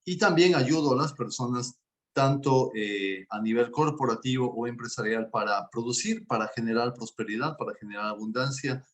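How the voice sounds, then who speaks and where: A man with a mid-range voice speaks at normal speed as a guest coach in a casual interview. He is warm, earnest, and enthusiastic, especially when talking about faith.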